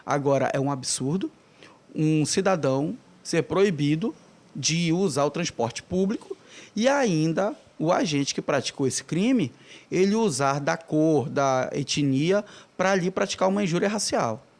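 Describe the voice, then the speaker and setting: A man's voice: a little high, animated, unhurried, darkish tone. Earnest male activist speaking out. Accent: Amazonas Brazilian Portuguese. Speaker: activist leader interviewed. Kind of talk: news interview statement.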